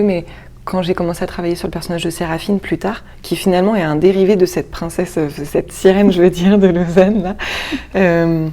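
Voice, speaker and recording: Mellow-voiced hesitant woman. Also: on the low side. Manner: hesitant, searching for words, many restarts. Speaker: actress and stage director, interview guest. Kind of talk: casual conversational interview.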